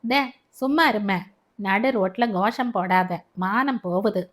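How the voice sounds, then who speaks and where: A woman's voice: mid-range voice, slow. A woman voicing a cocky young man who teases and brushes people off in street slang. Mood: brusque. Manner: teasing, mocking, brash slang. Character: cocky young man, jailed avenger, swaggering.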